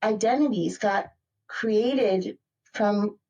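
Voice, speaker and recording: A woman's voice: mid-range voice, drawn-out words, mellow, dull audio. A woman from Maryland speaking as a podcast guest in a casual interview, reflective and rambling, full of "like" and "you know". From Maryland, United States.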